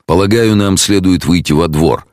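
Audiobook casting: a man playing a soft-spoken, thoughtful assistant, deep and dry-sounding. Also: no echo, close to an everyday voice. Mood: calm. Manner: quiet, measured. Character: calm, thoughtful male detective's assistant.

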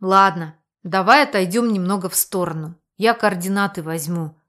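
A woman's voice: mid-range voice, normal speed, a bit bright, lightly acted. A woman voicing an irritable young male mage who answers in short, exasperated lines, in an audiobook. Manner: curt and exasperated.

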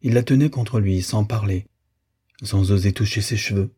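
A man narrating a literary audiobook in a measured, calm way. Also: on the low side, husky.

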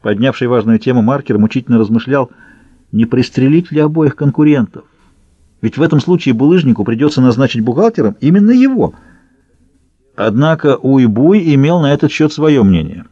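A man narrating an audiobook with lively, wry storytelling. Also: mid-range voice, a little fast, no room sound. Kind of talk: scripted narration. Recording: slightly dull dry recording.

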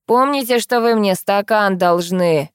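A woman voicing a drunken older village man with a slow, slurred, wheedling drawl. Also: medium pitch, smooth, dry recording, clean studio sound, close to an everyday voice.

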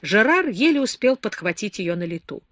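A woman narrating a novel in a calm storytelling voice. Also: medium pitch, normal speed, no echo. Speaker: audiobook narrator. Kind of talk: scripted narration.

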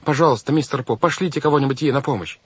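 A man's voice: on the high side, a little fast, breathy edge, dry recording, lo-fi sound, pitched above the performer's own voice. A man reading an audiobook, voicing a desperate young girl pleading with the adults. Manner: pleading, urgent. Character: desperate brave young girl, eldest orphan.

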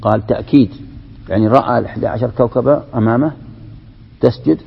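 Man, sheikh giving a lesson; rough, husky voice, recorded dull and lo-fi. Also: mid-range voice, fast talker. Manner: explains step by step, poses questions to students. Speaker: sheikh teaching Quran commentary. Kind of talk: classroom lesson on scripture and grammar. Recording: dull lo-fi recording with long hall reverb.

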